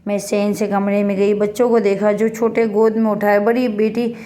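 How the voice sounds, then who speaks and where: A woman reading a first-person family story aloud in a steady, sorrowful storytelling manner. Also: medium pitch. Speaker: narrator.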